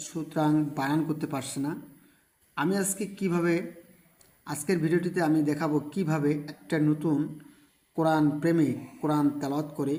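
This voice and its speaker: Man, slightly high voice, Quran reading lesson, patient letter-by-letter spelling, melodic recitation. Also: mellow.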